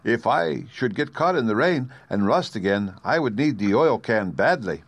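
A man voicing a polite, grateful rusted tin man, with a slow, stiff, pleading delivery. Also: mid-range voice, expressive, no echo.

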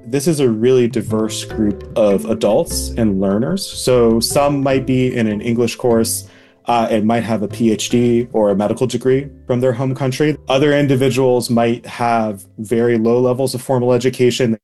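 A man, a policy analyst, answering interview questions in a measured, precise way. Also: medium pitch, steady tone, mellow, faint music behind.

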